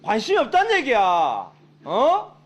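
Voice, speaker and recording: A man working as a military drill instructor, scolding in a gruff, stern, barking way. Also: extremely high pitch, wildly swooping pitch, unhurried.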